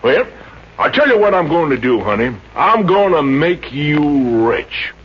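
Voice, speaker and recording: A man's voice: on the high side, very animated, measured pace. A man playing a boastful, folksy middle-aged Texas oilman with a Texan drawl in a 1950s radio comedy. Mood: boastful, coaxing. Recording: muffled, noisy old radio recording.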